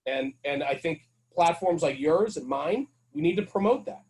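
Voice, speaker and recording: He speaks at a moderate pace with an expressive, somewhat high voice and a darkish tone. This middle-aged man is a firefighter and fire-service radio host guesting on a podcast, discussing his work casually while sounding earnest and emphatic and repeating his core points.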